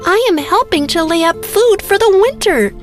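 A woman's voice: very high voice, animated, normal speed, soft background music, voice pushed up. A woman voicing a small, polite, hardworking ant in a children's cartoon story. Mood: earnest. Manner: polite, earnest.

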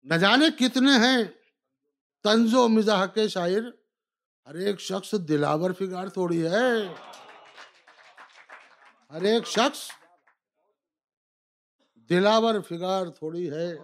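A man performing humorous verse as a poet at a live recital, declaiming couplets in measured phrases and repeating lines between spoken asides. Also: high voice, fairly bright tone. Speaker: humorous Urdu poet performing at a poetry gathering.

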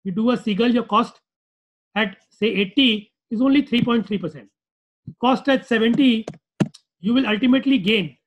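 Male webinar presenter, North Indian accent, high-pitched, informal and repetitive explainer style, slightly muffled recording. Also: moderate pace. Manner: conversational, repetitive, rhetorical questions. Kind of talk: informal webinar lecture with acted-out client dialogue.

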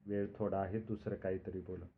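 A man's voice: sits low, flat delivery, a little fast. A man voicing the narrator's impulsive, carefree young friend, who answers in an offhand, evasive way. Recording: narrow phone-like band.

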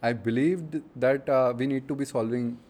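A man's voice: mid-range voice, moderate pace, darkish tone. A man with an Indian accent, a founder answering interview questions in a casual, conversational way. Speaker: startup founder, interview guest.

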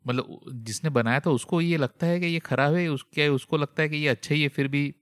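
A man's voice: on the high side, steady tone, fairly quick, smooth, no room sound, clean studio sound. A man co-hosting a casual podcast, thinking aloud hesitantly with fillers and restarts. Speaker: podcast co-host. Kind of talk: casual chat.

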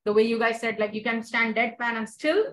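A woman's voice: a little high, brisk. A woman with an Indian accent hosting a casual discussion, emphasizing and repeating key points. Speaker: discussion host. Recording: roomy echo with clear background noise.

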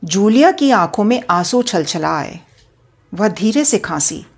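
Podcast storyteller: woman, very slow deliberate reading, medium pitch. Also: sing-song, breathy edge. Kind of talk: scripted story narration.

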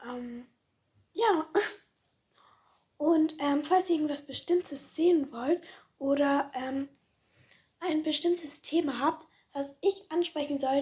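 A woman chats casually as the host of a podcast trailer. Her voice is high and hoarse, giving out as she talks. She speaks slowly and hesitantly, feeling her way without a script. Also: dark tone. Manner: hesitant, halting.

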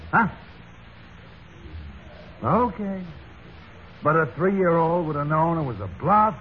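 A man playing a brisk, hard-boiled police desk sergeant in an old radio drama. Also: on the high side. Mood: needling. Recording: dull, slightly noisy old radio recording.

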